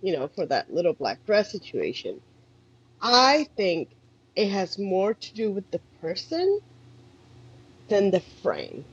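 Brief: woman co-host, husky, stuffed-up, slow talker, dull dry lo-fi recording. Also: mid-range voice. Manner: animated, expressive, drawn-out affirmations. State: stuffy with allergies. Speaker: podcast co-host, eyewear professional. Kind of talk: casual chat.

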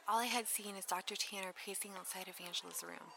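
Creaky-voiced policewoman played by a woman, earnest. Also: medium pitch, steady tone, fast talker, lightly acted. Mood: earnest, concerned. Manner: matter-of-fact, reporting. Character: earnest, helpful female police officer. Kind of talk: audio drama acting. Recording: noisy background ambience.

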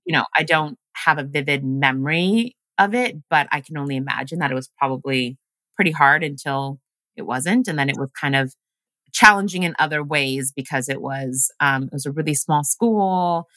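A woman with a low, sharp-toned voice speaks at a moderate pace with no room sound. Luganda is her first language, and she grew up in Washington State. As a podcast guest in casual conversation, she tells stories chattily with many fillers.

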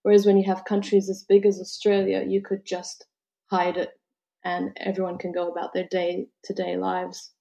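A Lebanese woman whose first language was French, working as a travel concierge, answers interview questions in a mid-range voice with a gravelly edge and a dark, mellow tone. Her delivery is completely flat, and she speaks thoughtfully, often restarting and filling pauses. The recording has its highs cut off.

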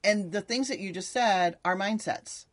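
A woman's voice: medium pitch, normal speed, dry recording. A woman explaining mindset techniques in an upbeat coaching tone, in a casual podcast conversation.

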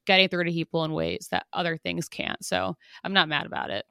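Young woman, low gravelly voice, casual podcast chat, dry sound. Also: big pitch swings, brisk, fairly bright tone, no room sound. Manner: hesitant, thinking aloud. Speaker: podcast co-host.

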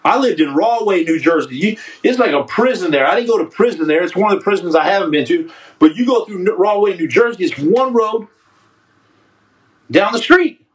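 A man's voice: high voice, animated, brisk, distant mic, low-quality recording. A man hosting a casual livestream, reading out the chat and joking with viewers, teasing them and calling them son. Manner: joking, trash-talking, calls people son. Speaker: podcast host reading live chat.

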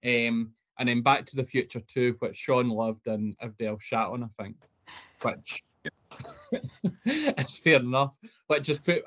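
A man's voice: mid-range voice, a bit bright. A man co-hosting a podcast, rambling and hesitant, with frequent laughs. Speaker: podcast co-host. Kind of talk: casual chat.

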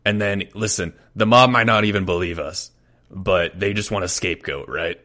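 Very low-voiced man playing a tabletop game. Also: normal speed, bright, forceful tone. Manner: laughs often, talks through plans in his character's name. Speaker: player.

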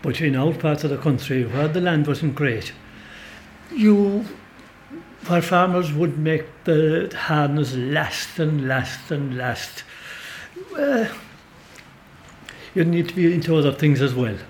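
Here the older Irish storyteller with the Kerry accent sounds a little high and animated, talking slowly. He is a folklorist guest in the back of a pub, relaxed and chatty, delivering rambling yet emphatic anecdotes over slight background noise.

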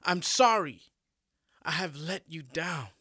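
A man's voice: on the high side, expressive, takes it slowly, bright, forceful tone, no echo, clean studio sound, pitched above the performer's own voice, heavily acted. A man voicing a loyal woman general who apologizes earnestly to her emperor. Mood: remorseful. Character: loyal female general, remorseful and dutiful.

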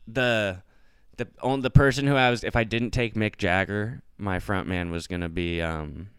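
A young man hosting a podcast, chatting casually and enthusiastically with quick asides and the odd swear. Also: fairly low pitch, steady tone, a bit bright, clear, resonant tone, no echo, studio quality. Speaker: podcast host. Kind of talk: casual chat.

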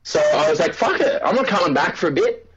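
A man's voice: a little high, animated, quick pace, a bit bright, slightly rough, muffled recording. Laid-back Australian man telling stories. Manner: laid-back storyteller, sweary, laughs often. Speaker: guest actor. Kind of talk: casual chat.

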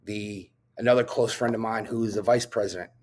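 A man's voice: on the low side, steady tone, fairly quick, a little mellow. Blunt, profane man telling his story. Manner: blunt and profane, with frequent fillers. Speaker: guest, police officer. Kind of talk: candid personal storytelling.

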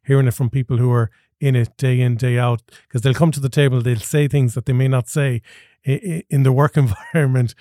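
A man's voice: medium pitch, fairly even intonation, a little fast, few pauses, dark tone, dry recording, clean studio sound. A man with an Irish accent speaking as a podcast host, introducing and interviewing in a conversational style.

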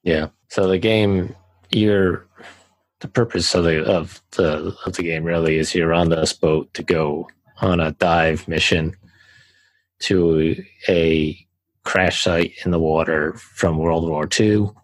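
Deep-voiced man casually reviewing a game. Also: slow, no echo, rough recording. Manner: relaxed, rambling with fillers and restarts. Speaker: podcast co-host.

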